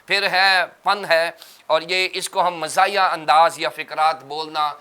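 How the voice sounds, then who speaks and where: A male pastor speaks in a somewhat high voice with a bright, forceful edge. His tone is smooth and crisp. He lays out ideas step by step like a teacher on a TV studio panel. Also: fairly even intonation. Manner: teacherly, explaining terms step by step. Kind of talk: religious TV panel discussion.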